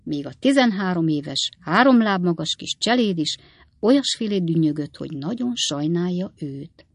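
Casting: woman narrator, lowish voice, dry close studio sound, measured storytelling. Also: lively intonation, no echo. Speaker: audiobook narrator. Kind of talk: scripted narration of a classic novel.

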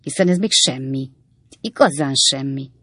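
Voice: mid-range voice, fairly bright tone, breathy edge, no room sound. A reader voicing Sam Weller, a witty, worldly young manservant who tells tall tales offhandedly, in a dry audiobook reading. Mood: wry, lively. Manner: wry, storytelling, offhand.

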